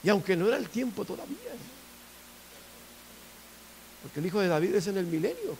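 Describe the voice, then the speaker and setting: A man preaching a fervent sermon in church, repeating himself and swinging from hushed tones to loud appeals. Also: high voice, wildly swooping pitch, rapid-fire, gravelly, a little hiss or hum.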